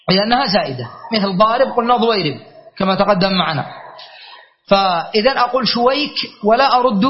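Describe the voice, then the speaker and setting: High-voiced man teaching grammar, lo-fi. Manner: checks on students often with short questions, repeats key words. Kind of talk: classroom grammar lesson. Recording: dull lo-fi lecture recording.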